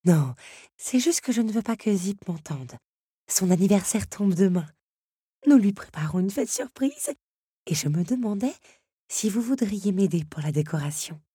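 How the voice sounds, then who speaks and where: A woman reading a storybook voices a worried, motherly female teapot that fusses and gently scolds, with a husky voice. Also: mid-range voice, animated, moderate pace, dry recording, studio quality, voice pushed up. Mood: warm.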